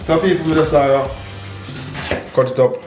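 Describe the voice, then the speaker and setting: A man with a Jamaican accent hosting a relaxed cooking video, talking the viewer through each step and slipping into patois phrases. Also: on the high side, a little slow. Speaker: home cook and vlog host. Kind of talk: casual cooking demonstration. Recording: echoey kitchen with background music.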